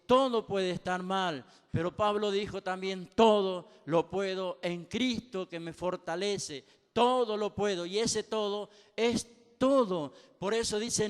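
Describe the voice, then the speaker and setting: A man's voice: sits high, clear, resonant tone. A man preaching a sermon as pastor, building fervor and repeating his phrases. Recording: long hall reverb.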